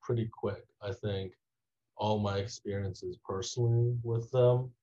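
A young man from Taiwan, a student being interviewed, telling a rambling story full of "like" fillers that trails off quietly. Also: fairly low pitch, steady tone, unhurried. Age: young adult. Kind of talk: casual interview. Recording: dull lo-fi audio.

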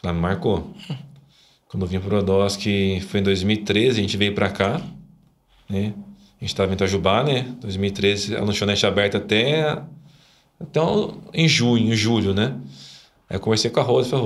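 A man's voice: lowish voice, moderate pace. A man, a podcast guest telling a personal faith story in a rambling way, tagging his sentences with little questions. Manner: rambling, frequent "né?" tags, emotional storytelling. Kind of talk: conversational testimony.

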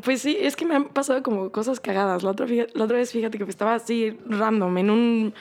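A Mexican woman in her twenties with a husky, low voice, a podcast guest telling stories in casual slangy chat. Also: quick pace, a little mellow. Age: 20s. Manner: laughing, slangy storytelling.

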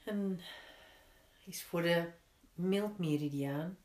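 A woman teaching yin yoga, guiding gently step by step with unhurried pauses between instructions. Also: fairly low pitch. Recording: roomy, echoing indoor sound.

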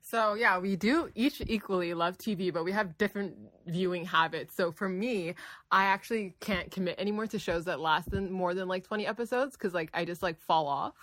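A young woman in her twenties co-hosting a casual podcast, talking in a flat, drawling way with lots of fillers. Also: on the low side, fairly quick, no echo. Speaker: podcast co-host. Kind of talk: casual chat.

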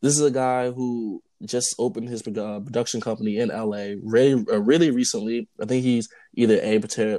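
A man with a lowish, mellow voice co-hosting a sports podcast. He talks in long, measured stretches, leaning on filler words, and the sound is close and dry. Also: no echo, low-quality recording. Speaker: podcast co-host. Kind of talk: casual sports podcast chat.

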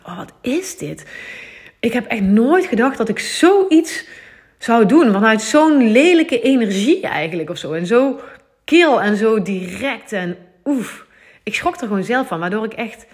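Earnest Dutch woman musing aloud. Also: medium pitch. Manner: earnest, confiding, thinks aloud with many fillers. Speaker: podcast host. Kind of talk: reflective solo podcast talk.

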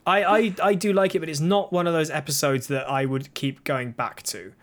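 A man's voice: fairly high pitch, steady tone, moderate pace, background noise. A man co-hosting a podcast, chatting casually and enthusiastically while reviewing TV episodes. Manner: enthusiastic, talks over his co-host. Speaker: podcast co-host.

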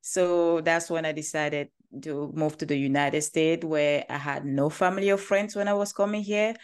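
A woman from Cameroon with a Cameroonian accent, a company founder talking about her life in an interview, earnest and quick to laugh lightly. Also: sits low, fairly even intonation, clean tone. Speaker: guest, agency founder. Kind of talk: interview conversation.

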